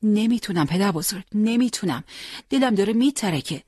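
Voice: medium pitch, expressive, a little mellow, slightly rough, dry recording, pitched above the performer's own voice. A storyteller voicing a young wounded fighter, impatient and determined to leave the hospital, in a dry recording. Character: young wounded male fighter, eager and restless.

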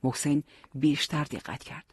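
A man narrating an audiobook story in a calm, steady way. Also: on the high side, husky, dry recording.

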